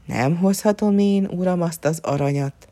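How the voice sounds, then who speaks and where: A woman's voice: on the low side, warm tone, natural voice. A woman voicing a poor, cunning peasant man who talks in a sly, easygoing way. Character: poor cunning male peasant, cheeky and calm.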